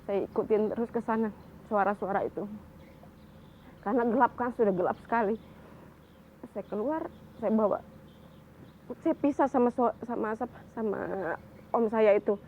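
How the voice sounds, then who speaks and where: Young adult woman survivor giving a halting personal account, heard through a narrow lo-fi band. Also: a little high. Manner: halting, repeats herself, restarts. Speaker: tsunami survivor. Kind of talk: personal testimony. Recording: phone-like band, faint noise.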